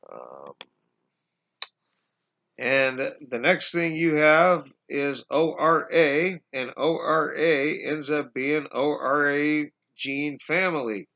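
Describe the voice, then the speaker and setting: Coughing and losing his voice, a man in his forties delivers a casual explanatory monologue to his conspiracy vlog viewers, whom he calls "guys." His speech is halting and full of fillers and restarts, yet his voice is on the high side, animated, bright and forceful. He records on a webcam in a small room at home, and the audio is dull and lo-fi.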